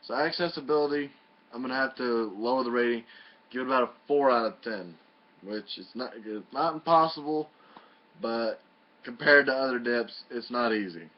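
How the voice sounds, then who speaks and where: A man reviews a product in a home video, medium-pitched and at a normal speed, sounding casual, folksy and a bit profane. The audio is muffled and lo-fi.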